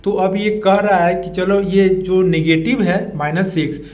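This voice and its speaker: Male chemistry teacher, high voice, patient and repetitive, echoey room faint hiss. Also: fairly even intonation, unhurried, darkish tone. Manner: patient, repeats key terms and asks the class questions. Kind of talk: classroom lecture with memory tricks.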